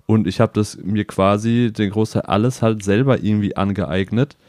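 A man speaking as the guest guitarist in a casual interview, calm and matter-of-fact. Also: lowish voice, normal speed, no room sound, studio quality. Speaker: guest musician.

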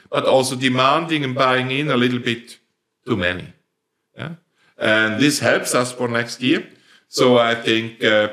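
A Swiss company owner who produces plants answers interview questions in English, a language he learned later, with a Swiss German accent. His medium-pitched, fairly bright voice is hesitant, full of fillers and restarts.

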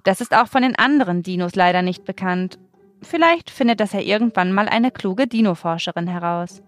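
A female kids show host with a medium-pitched voice speaks over soft music. She addresses children directly, explaining things in simple, scripted language with playful little exclamations. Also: lively intonation, a little fast. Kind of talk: kids show hosting, scripted narration and questions.

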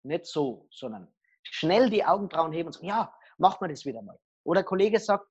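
A middle-aged woman speaking as a guest expert on body language, telling lively stories full of acted quotes. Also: on the low side, fairly quick, slightly rough, dull audio. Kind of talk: podcast interview.

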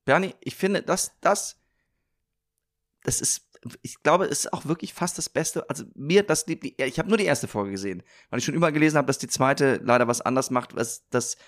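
A man with a mid-range voice speaks briskly as co-host of a casual podcast about TV series. He tells stories while laughing and often restarts his sentences hesitantly.

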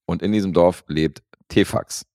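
Low-voiced guy rambling through a film review, lots of ums, dry close sound. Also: normal speed, vocal fry, no room sound. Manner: relaxed, rambling with frequent fillers. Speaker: podcast co-host reviewing films. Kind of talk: casual chat.

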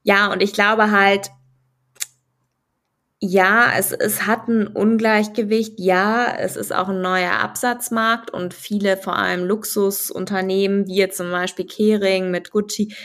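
A woman's voice: medium pitch, flat delivery, a little slow, a bit bright. A young woman speaking as an interview guest on finance, explaining thoughtfully with many fillers and restarts. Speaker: guest, finance and crypto expert. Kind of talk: conversational podcast interview.

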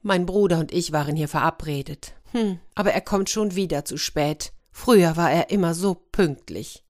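A woman's voice: lowish voice, normal speed, darkish tone, natural voice. A woman voicing a polite, earnest young prince in a fairy-tale reading. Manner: courteous, hesitant.

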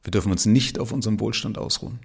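A man's voice: on the low side, fast, creaky, very noisy. A man in his fifties hosting a solo podcast, talking in an emphatic, conversational way with frequent tag questions. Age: 50s. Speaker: podcast host. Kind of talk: casual monologue podcast.

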